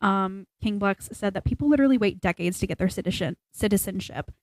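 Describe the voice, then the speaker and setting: This young podcast co-host talks fast in a medium-pitched, darkish voice, casually rambling and pushing her opinions with emphasis. The recording is dry and low in quality.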